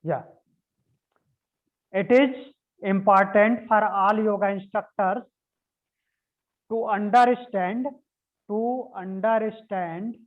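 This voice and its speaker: A slow-speaking man with a fairly high voice teaches yoga anatomy over a video conference call. He dictates notes, repeats his phrases and spells out key words letter by letter. The call audio sounds narrow and phone-like. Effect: heard over a video conference call. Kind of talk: online class lecture, dictating notes.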